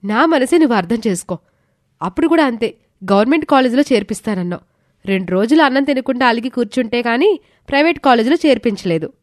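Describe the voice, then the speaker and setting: A woman voicing a lively, defiant teenage younger sister in an audio story, sharp-tongued and petulant. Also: fairly high pitch, quick pace, no echo, soft background music, close to an everyday voice.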